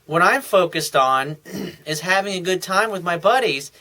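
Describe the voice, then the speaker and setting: Tired male coach, casual rambling advice, bright edge, a bit high. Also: lively intonation, normal speed. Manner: loose, conversational, with many fillers and restarts. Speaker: dating coach.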